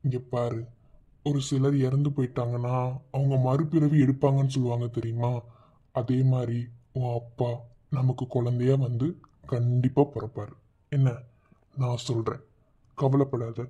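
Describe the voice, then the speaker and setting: A man's voice: medium pitch, level tone, moderate pace, pauses often, mellow, husky, close to an everyday voice. A man voicing a protective young fiancé in a cartoon, speaking with a Madurai Tamil accent, reassuring and affectionately teasing. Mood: comforting. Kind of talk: cartoon voice acting.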